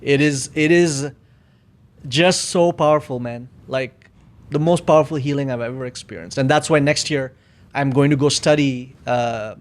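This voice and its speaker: A man's voice: medium pitch, normal speed. A man talking as a podcast guest in casual conversation, reflective and searching for his words with frequent fillers.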